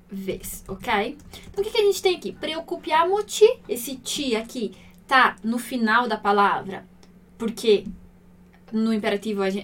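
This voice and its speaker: A woman with a Brazilian Portuguese accent teaching Italian grammar, patient, checking in often and slowing down to spell out examples. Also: medium pitch, a bit bright, recorded from a distance, slight background noise. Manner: slows down to spell out example phrases.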